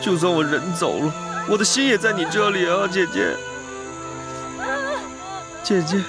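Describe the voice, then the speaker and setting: An actor playing a devoted, earnest young man who speaks softly and coaxingly, pleading with the woman he loves in a TV drama. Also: high voice, unhurried, loud music behind the voice. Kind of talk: TV drama dialogue. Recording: loud film score behind dialogue.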